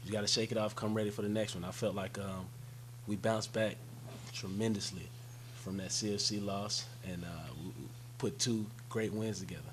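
A man's voice: fairly low pitch, steady tone, moderate pace, a little hiss or hum, poor audio. A young man, a college basketball player, answering press conference questions hesitantly with many fillers into a desk microphone. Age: young adult. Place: press conference room, seated at table. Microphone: desk microphone on stand.

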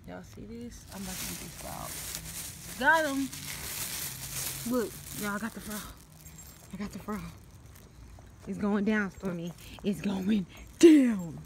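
A woman speaking in a hushed, secretive near-whisper to the camera, casually vlogging a prank. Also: mid-range voice, moderate pace, gravelly, pauses often, background noise. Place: outdoors by bushes. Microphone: handheld camera.

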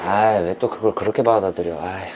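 A man's voice: low voice, fairly even intonation, fast, dull audio, background noise. A man playing a consoling friend in a comedy sketch, with a teasing, playful, sing-song delivery.

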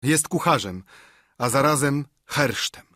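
A man's voice: medium pitch, lively intonation, measured pace, bright, forceful tone, dry recording, studio quality. A man voicing a young boy sailor who answers briefly and matter-of-factly.

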